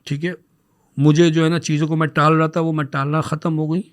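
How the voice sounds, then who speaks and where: A man with a notably high voice tells a personal story in a relaxed podcast conversation. He is anecdotal and lively, and acts out the dialogue as he goes. English words slip into his speech now and then. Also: smooth. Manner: animated, acts out dialogue when retelling.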